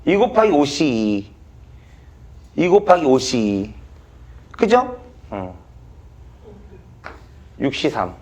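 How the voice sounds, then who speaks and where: A man's voice: mid-range voice, big pitch swings, takes it slowly, pauses often, a little mellow. A male math teacher giving a classroom lecture, blunt and swearing casually as he quizzes students.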